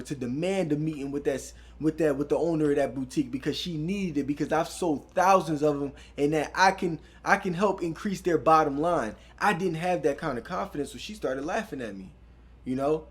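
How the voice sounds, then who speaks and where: A young man telling a personal business story in a casual, animated way. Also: fairly high pitch. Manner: animated, conversational, says "yo" and "right?" often.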